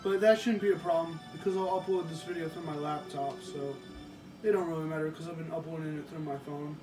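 A man casually commenting while playing a video game at home, chatty and talking to himself, with excited outbursts. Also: a little high, brisk, low-quality recording. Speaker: gameplay commentator. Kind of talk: casual let's-play commentary. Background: video game music.

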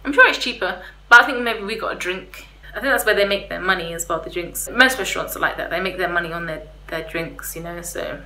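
Chatting casually to camera, a young woman vlogger gives a review in an informal, slightly hesitant way. Her voice sits on the low side, quick with few pauses, pushed and bright, and the recording has a roomy echo and faint background hiss.

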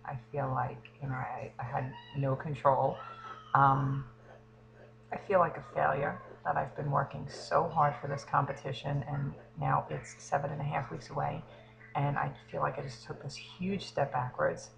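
A woman in her thirties, a fitness coach, speaking haltingly and close to tears in a confessional vlog. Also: low-pitched, level tone, vocal fry, noisy background. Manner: hesitant, halting, frequent ums. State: emotional, near tears.

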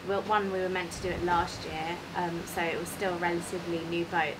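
A woman's voice: lowish voice, flat delivery, fairly quick, noisy background. A woman, chatting casually about sailing plans on a catamaran. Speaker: sailing vlogger. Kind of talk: casual chat.

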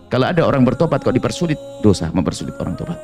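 A man preaching a sermon in an animated storytelling way, acting out little dialogues and laughing along. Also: mid-range voice, very fast, vocal fry, faint music behind.

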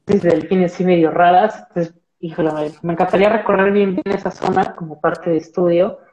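A young man with a Mexican Spanish accent, a marine biologist guest chatting in a relaxed, rambling way with many fillers over a video call from a small room. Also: high-pitched, low-quality recording. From central Mexico. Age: young adult. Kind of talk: casual video-call interview chat. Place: small indoor room with plain wall. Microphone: laptop video call.

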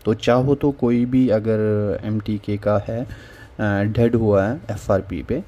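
Slow and steady, this man speaks in a lowish, dark voice, with a little hiss or hum in the recording. He's informally walking viewers through phone repair software as a voice-over on a screen recording, filling pauses between steps with "theek hai."

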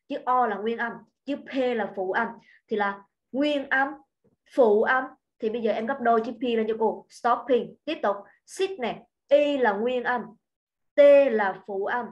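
A female English teacher runs an online grammar class, explaining patiently and checking in with the students again and again. Her voice sits somewhat high. The sound is dull and lo-fi, as from a computer mic. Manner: patient, repeats points and checks understanding.

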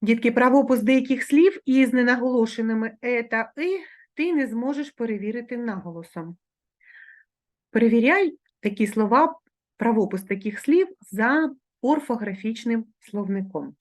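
Her voice a little high and animated, a woman teacher with a Ukrainian accent gives schoolchildren a remote grammar lesson, sounding out sounds and example words with slow care.

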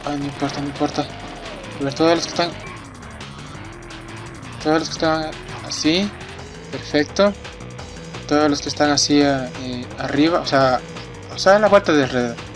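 An excitable young man comments live on his racing game, swearing and shouting as he plays. His voice sits a bit high for a man. Loud game music and engine sounds play behind him. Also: moderate pace, long pauses. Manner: excitable, swears a lot, reacts loudly to the race. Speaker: let's play gamer. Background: racing game music and sound effects.

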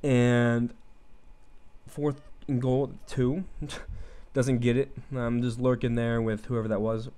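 A man's voice: mid-range voice, level tone, slow, dark tone, clean tone. A young man rambling through casual gameplay commentary, loose and profane, filling gaps with likes and ums, his throat a little froggy. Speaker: gaming commentator.

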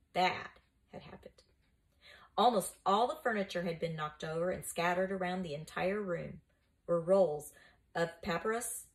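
A woman's voice: lowish voice, low-quality recording. A woman teacher reading a children's book aloud and stopping to explain words to young listeners.

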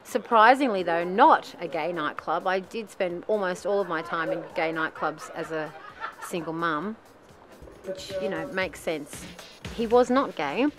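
A woman's voice: on the low side, measured pace, over music. A middle-aged woman, narrating her own documentary in a chatty, self-deprecating way, laughing between phrases.

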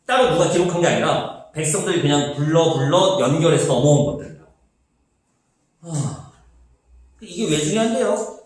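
A man's voice: a little high, normal speed. A male Korean literature teacher giving a chatty lecture, asking questions and answering them himself. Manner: animated, chatty, asks and answers his own questions. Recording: echoey room, mic far off.

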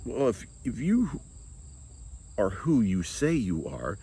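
A man's voice: fairly low pitch, huge pitch swings, slow pace, dark tone, pitched above the performer's own voice, exaggerated voice. A man voicing a mocking thief on a cross who taunts in a scornful way. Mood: taunting. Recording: music bed playing behind.

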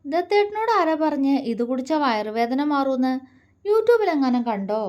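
A woman's voice: high-pitched, sing-song, a little slow, darkish tone, lo-fi sound, voice pushed up. A woman voicing a pouty, anxious young woman who whines and pleads with her lover. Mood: worried. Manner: whiny, pleading, sulky.

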